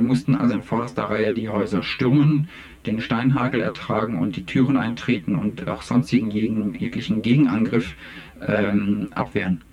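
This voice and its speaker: A disguised deep voice, low and gravelly, as a man puts on an anonymous police union insider. He talks in a halting way, full of hesitant fillers, in a satirical radio interview. A crowd murmurs in the background. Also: dull audio.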